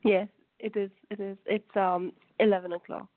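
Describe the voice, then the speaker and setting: A woman's voice: mid-range voice, level tone, moderate pace, no echo. A woman calling in to a radio show over the phone, giving polite, brief replies. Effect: phone-line caller audio. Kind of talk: casual call-in chat. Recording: dry tinny phone line.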